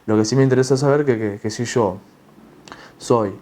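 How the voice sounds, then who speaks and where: A man giving a tax lecture, talking in a halting way with many fillers and restarts. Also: medium pitch, dark tone. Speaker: tax instructor.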